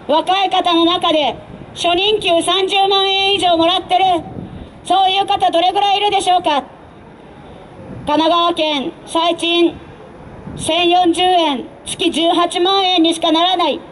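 High-voiced woman candidate giving a street speech. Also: a bit bright, poor audio. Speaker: election candidate. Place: outdoor urban street rally stage. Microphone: handheld mic over PA, filmed from a distance. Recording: faint outdoor street noise.

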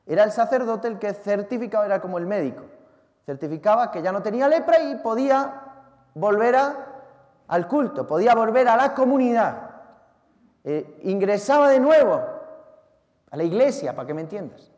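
A man from Spain with a Spanish accent, a priest reading the Gospel and preaching a Sunday homily in a lively, theatrical way, talking straight to the congregation. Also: sits high, moderate pace. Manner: lively, theatrical, shouts out acted cries, talks to listeners directly. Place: large church. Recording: long church reverb.

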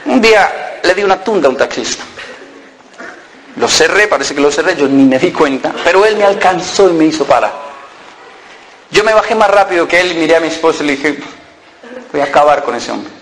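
Animated high-voiced storyteller man. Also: fairly quick, rough recording. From Colombia. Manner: animated, acts out quoted dialogue with mock voices; lively comic timing, self-mocking. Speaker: motivational speaker. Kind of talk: humorous storytelling talk.

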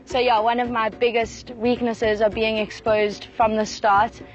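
A woman gives an unscripted contestant interview in a fairly high voice with little pitch movement. The sound is slightly dull. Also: flat delivery, a little slow, faint music behind. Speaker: reality show contestant.

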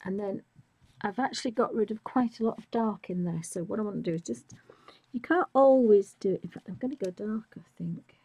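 A woman demonstrating a colouring technique live, a bit croaky from a chest infection, speaking softly and musing, often trailing into whispers. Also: medium pitch, fairly quick, no room sound. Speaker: art tutor.

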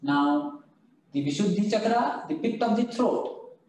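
Slow, high-voiced man guiding yoga. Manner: slow, calm step-by-step cues, switching between English and Hindi. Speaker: yoga instructor. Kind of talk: guided yoga and chanting instruction. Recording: very echoey room, voice from far off, faint ambience.

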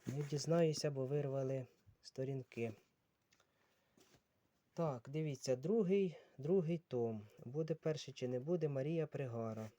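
A man sorting old books on camera, unhurried and musing as he reads titles aloud. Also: medium pitch, dark tone. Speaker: book collector vlogger. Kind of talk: casual talk while sorting books.

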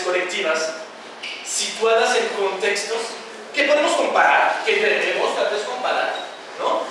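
Speaking on a panel in a large classroom, a French-born man in his forties uses a language other than his first, which is a regional language of France. His high-pitched delivery is reflective and tentative, with many restarts. The handheld mic is captured from a distant camera, so the sound is echoey with a background hum.

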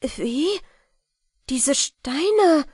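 Brief: woman reading a noble countess, high voice, formal old-fashioned speech, emotional. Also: lively intonation, moderate pace, darkish tone, dry recording, clean studio sound. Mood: moved.

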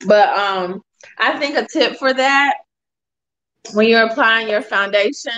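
A woman co-hosting a live makeup show, chatting casually through a tutorial with relaxed, drawn-out phrasing. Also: on the high side, rough recording. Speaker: co-host of a makeup livestream.

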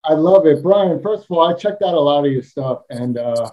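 A man with a Brooklyn accent hosting a casual interview over a video call, jokey and quick to laugh. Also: a little high, expressive, muffled recording. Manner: jokey, playful, laughs often. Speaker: host.

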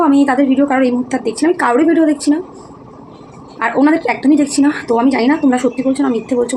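A woman vlogger talking earnestly to her viewers, explaining herself, weary and heavy-hearted. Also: sits high. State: feeling low and heavy-hearted. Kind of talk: casual talk to viewers. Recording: noticeable background noise.

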